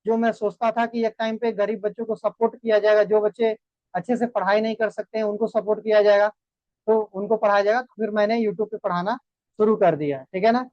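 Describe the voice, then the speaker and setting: A man's voice: high-pitched, steady tone, brisk, no echo. Lecturing male biology teacher. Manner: lecturing, addresses students as beta; repeats "thik hai na" checks. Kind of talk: motivational class talk. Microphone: online class mic. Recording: dull dry sound.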